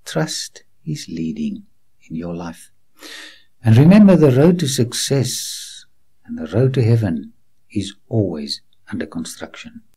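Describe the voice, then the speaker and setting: A man's voice: on the low side, very animated, a little slow, warm tone, husky. A man presenting a documentary in scripted narration, breaking off to preach and speaking straight to the viewer as a friend, earnest and reassuring. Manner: guides the viewer like a tour guide on location.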